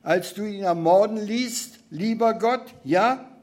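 A man's voice: a little high, animated, slow pace. A man voicing a bitter, grieving young war returnee who accuses God, in a dramatic reading. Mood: accusing. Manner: accusing, rising to outbursts.

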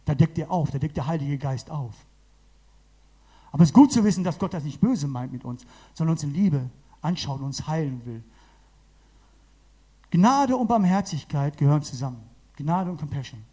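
A man preaching a sermon to a small congregation in a church hall, lively and emphatic, repeating phrases for effect. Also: a little high, moderate pace, husky. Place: church hall with about forty people.

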